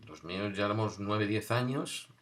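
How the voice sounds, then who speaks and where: A man recalling his school days in an unhurried, wry storytelling manner with dry humor. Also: lowish voice, a bit bright. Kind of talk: casual spoken recollection.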